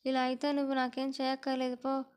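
A woman storyteller voicing a harsh, bossy woman who loudly scolds her maid. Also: sits high, completely flat delivery, fast talker, clear, resonant tone, natural voice. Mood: scolding.

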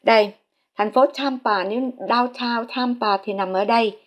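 A Vietnamese woman vlogs casually as a real estate vlogger, touring a house listing and showing a map. She addresses viewers politely, with many fillers, in a fairly high voice at a moderate pace.

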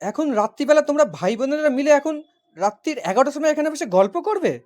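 An actor playing a suspicious young husband who speaks haltingly and warily. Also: male voice, extremely high pitch, lively intonation, darkish tone. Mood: uneasy. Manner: halting, wary.

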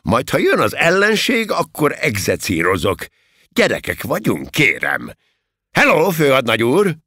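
A man voicing a naive, carefree young army recruit who talks in a chirpy, excitable way. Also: medium pitch, slightly rough, no echo, studio quality, pitched above the performer's own voice, full character voice. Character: cheerful naive long-faced male army recruit.

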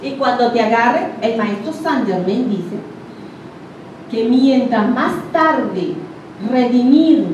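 Heard through a distant, dull mic in an echoey room with slight background noise, a Venezuelan-accented woman leads a group in a conversational way. She keeps asking her audience questions, and her voice is a little high and a little mellow.

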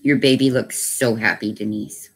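Low-pitched lady chatting on her craft stream, friendly and rambling, coos at her dogs. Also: steady tone, moderate pace, breathy edge. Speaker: craft channel host. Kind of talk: casual livestream chat.

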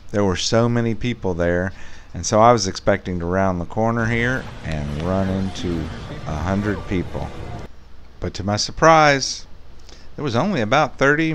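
A man co-hosting a sailing vlog, narrating in a dry, laid-back way. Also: low voice. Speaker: vlog co-host. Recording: loud background noise.

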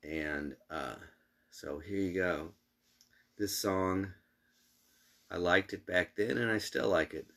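A middle-aged man chatting casually on a home live stream from his basement, relaxed and rambling with plenty of fillers. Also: slow pace, gravelly, long pauses. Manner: relaxed, rambling, low-key talk with fillers. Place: small basement room at home, seated on a couch. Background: his own acoustic guitar.

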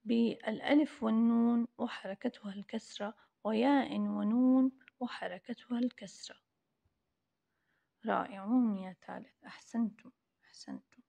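A woman teacher reviewing grammar for young pupils, drawing words out slowly and praising often in a recorded lesson. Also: a little high, creaky, mellow. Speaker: primary school teacher.

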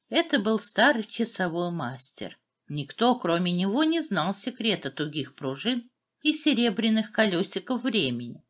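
A woman narrating a children's fairy tale in an expressive, dramatic storytelling manner. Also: lowish voice. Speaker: audiobook narrator.

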